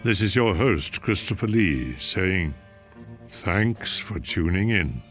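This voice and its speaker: Slow, formal radio host man. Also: sits low, very animated, soft background music. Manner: measured, formal. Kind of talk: radio show host outro.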